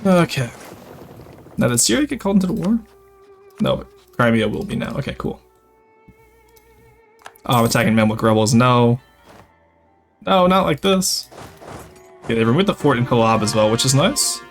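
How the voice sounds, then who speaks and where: Here the same young Québécois streamer from Quebec, Canada, speaks in a mid-range voice with big pitch swings, a moderate pace and long pauses. Soft music plays behind him. His light accent carries through as he casually reads and responds to chat while playing a strategy game on stream.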